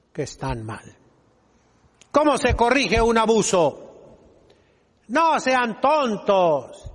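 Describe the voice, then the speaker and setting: An older Mexican preacher with a high, fairly bright male voice speaks very slowly, emphatic and scolding, with deliberate dramatic pauses. His fiery homily exhorts the congregation, recorded in an echoing hall with long reverb.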